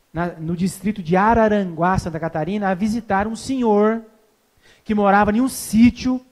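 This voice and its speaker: A man's voice: high voice, a little mellow. A man preaching an evangelistic sermon as a pastor. He tells a story, acts out the dialogue and keeps asking the congregation questions.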